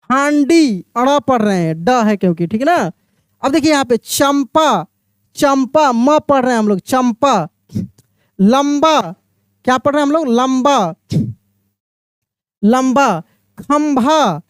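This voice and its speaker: High-voiced man teaching reading. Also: clear, resonant tone, no echo, studio quality. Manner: repeats words slowly and asks the listener questions; addresses the viewer as my friend. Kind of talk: explaining a reading lesson, drilling word lists.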